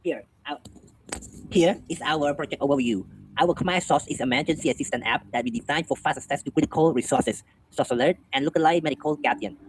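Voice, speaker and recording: A man's voice: fairly high pitch, a little fast, slight background noise, rough recording. A young man introducing a student team project in a prepared presentation. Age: young adult.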